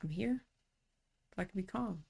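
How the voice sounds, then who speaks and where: A woman coach giving a calm, reflective talk on rest and trust, unhurried and slipping into casual slang. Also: mid-range voice, gravelly, slightly rough. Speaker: personality typology coach.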